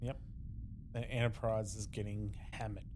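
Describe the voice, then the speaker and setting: A man's voice: on the low side, flat delivery, normal speed, darkish tone, slight background noise. A man with an Australian accent co-hosting a podcast, mostly chiming in with short agreements and dry quips. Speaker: podcast co-host. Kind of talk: casual chat.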